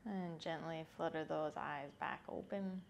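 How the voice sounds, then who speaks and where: A woman, around her thirties, calmly guides a yoga breathing exercise in an informal, unhurried way, speaking indoors into a lapel mic. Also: low voice, vocal fry, a little hiss or hum. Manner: calm, unhurried, informal instruction. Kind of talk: guided follow-along breathing lesson. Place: small indoor yoga room. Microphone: lapel microphone.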